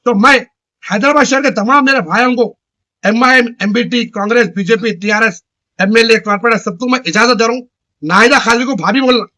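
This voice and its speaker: A man rants straight at the camera. His voice sits high and bright, and he hammers the same phrases over and over in short, loud bursts. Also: brisk. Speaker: local news channel chairman. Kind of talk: ranting address to camera.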